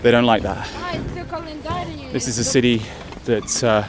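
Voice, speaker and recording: Over music, a medium-pitched male voice with fairly even intonation unhurriedly narrates a travel vlog. He's an Englishman climbing a city hill, chatty and slightly winded, thinking out loud as faint street noise drifts in.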